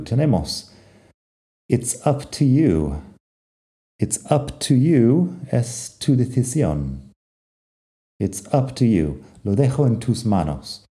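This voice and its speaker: Slow, very dark-voiced male teacher. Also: lowish voice. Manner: reads both sides of short dialogues. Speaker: English teacher. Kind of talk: explaining English phrases to Spanish speakers.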